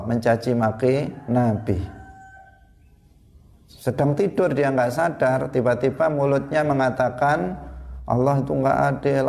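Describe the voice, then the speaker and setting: A man's voice: medium pitch, vocal fry, darkish tone. A man giving an Islamic study lesson, explaining step by step with examples and rhetorical questions. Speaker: religious teacher.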